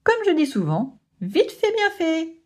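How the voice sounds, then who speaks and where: A woman's voice: sits high, moderate pace, slightly rough, pitched above the performer's own voice, exaggerated voice. Boastful young honey badger Bunga, as a woman puts him on. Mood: proud. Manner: proud, excitable. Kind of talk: storybook reading.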